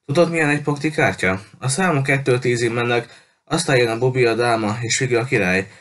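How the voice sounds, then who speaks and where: A man's voice: medium pitch, a bit bright, recorded from a distance, lightly acted. A man voicing a bold, clever young boy. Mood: explaining. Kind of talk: audiobook character voice.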